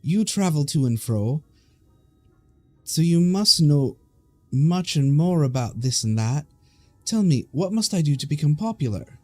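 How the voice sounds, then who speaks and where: A man voicing a vain, attention-hungry fairy from a game, with a put-on Scottish accent and a high, bouncy, self-important delivery. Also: lively intonation, a little slow, long pauses, warm tone, faint music behind. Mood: eager.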